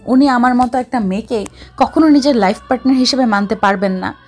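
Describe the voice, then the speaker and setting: Woman voicing a heartbroken young woman, choked, resigned, somewhat high voice. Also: fairly quick, a little mellow, soft background music, close to an everyday voice. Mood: tearful.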